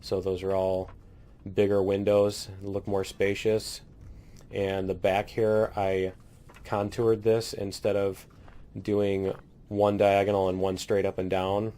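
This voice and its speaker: A man chatting casually as he tours his base in a building game, rambling and laughing, a little hoarse and clearing his throat now and then. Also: fairly low pitch, completely flat delivery, slow pace, mellow. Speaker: let's play host. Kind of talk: casual gameplay commentary.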